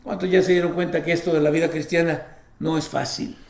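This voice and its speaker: A man's voice: on the high side, fairly even intonation, a little fast, vocal fry, a little mellow, roomy sound. A man preaching a sermon, reading scripture aloud and breaking in with emphatic exclamations.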